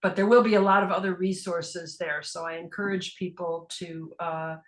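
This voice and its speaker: A woman's voice: fairly low pitch, fairly even intonation, moderate pace. A woman moderating a panel discussion over a video call, friendly and organized.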